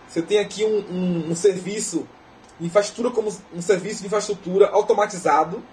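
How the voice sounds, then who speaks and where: High-voiced Brazilian man lecturing. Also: darkish tone, low-quality recording. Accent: Brazilian Portuguese. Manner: conversational, often tags "né?" and restarts phrases. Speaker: technical lecturer. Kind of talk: technical lecture. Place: conference lecture hall.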